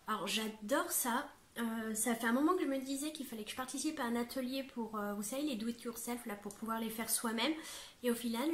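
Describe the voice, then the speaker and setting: Young woman vlogger, bright higher voice, bubbly and chatty, room echo. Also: slight background noise. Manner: chatty, bubbly, laughs often, many fillers. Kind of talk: casual chat. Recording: echoey room.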